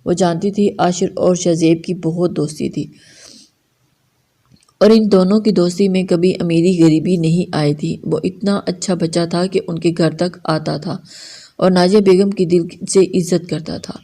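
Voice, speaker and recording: A woman reads a dramatic novel aloud in a steady, measured narration. Her voice sits on the low side and sounds warm and mellow. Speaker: novel reader.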